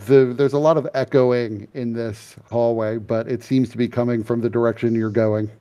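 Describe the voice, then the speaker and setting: Man, game master, mellow warm tone, halting narration, lots of uh and like. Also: mid-range voice, level tone, smooth. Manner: halting, filler-heavy descriptions. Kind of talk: narrating a tabletop game over voice chat.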